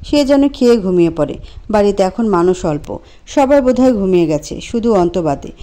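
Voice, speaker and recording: Mellow-voiced woman reading a romance story. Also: medium pitch, expressive, a little fast. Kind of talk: scripted narration of a romance story.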